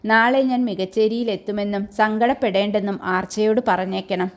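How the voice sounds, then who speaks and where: A woman's voice: medium pitch, fairly even intonation, a little fast, lightly acted. A woman voicing a grown warrior who gives orders to his pupils in a storybook reading. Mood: commanding. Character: grown warrior man, commanding teacher.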